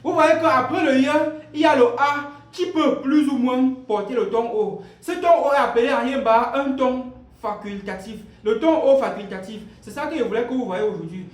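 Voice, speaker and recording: A man's voice: extremely high pitch, moderate pace. A man teaching an online language lesson, explaining patiently and repeating himself, often asking rhetorical questions before he answers them. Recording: roomy echo.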